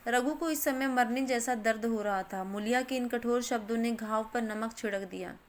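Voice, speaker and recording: A woman narrating a classic short story in a steady, measured reading voice. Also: fairly high pitch. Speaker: story reader.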